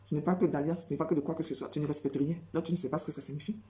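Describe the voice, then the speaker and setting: Une femme qui prêche sans notes, répète ses phrases et enchaîne les questions rhétoriques avec insistance. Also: female voice, low-pitched, steady tone, rapid-fire, dark tone. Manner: repetitive, rhetorical questions, emphatic. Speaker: preacher. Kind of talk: spontaneous preaching monologue.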